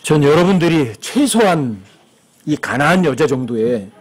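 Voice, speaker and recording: Husky guy preaching, pitch jumps all over, keeps asking the crowd stuff. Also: moderate pace. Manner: animated, asks the congregation questions, acts out quoted lines. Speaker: pastor. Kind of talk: sermon.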